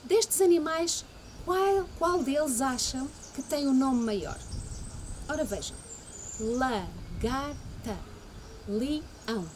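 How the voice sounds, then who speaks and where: Lively European Portuguese storyteller woman. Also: sits high, a little hiss or hum. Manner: slow, gentle, teacherly explaining. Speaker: library storyteller. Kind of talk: children's story reading and lesson.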